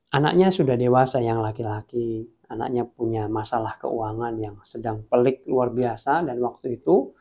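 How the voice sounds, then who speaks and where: A man's voice: mid-range voice, a little mellow. A man preaching a casual, storytelling sermon, chatty and playful with his listeners.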